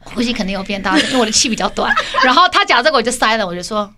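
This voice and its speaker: Woman co-host, quick and slightly high-pitched, spins anecdotes and mixes in English words. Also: very animated, background noise. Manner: mixes English words into her speech, acts out both sides of quoted dialogue. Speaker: podcast co-host. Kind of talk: casual chat, storytelling.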